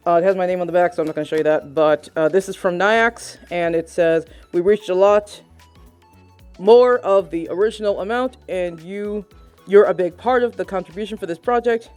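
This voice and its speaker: A woman's voice: lowish voice, darkish tone. Chatty, giggly woman hosting a vlog. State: under the weather, slightly rough voice. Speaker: host. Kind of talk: casual unboxing vlog chat.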